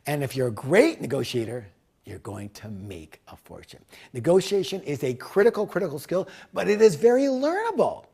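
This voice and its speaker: Animated, emphatic man giving a sales pitch. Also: moderate pace, slightly rough. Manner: emphatic, animated salesman, repeats key words for punch. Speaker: seminar speaker selling a business course.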